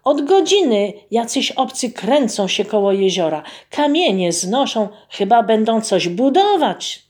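A woman voicing a clever, loving peasant wife who speaks urgently and insistently in a high voice. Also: big pitch swings, measured pace, a little mellow.

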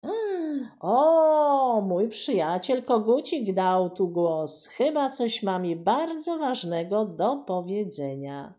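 A woman reading a story aloud to children in a gentle, teacherly manner. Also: mid-range voice, sing-song, slow pace, hardly any pauses.

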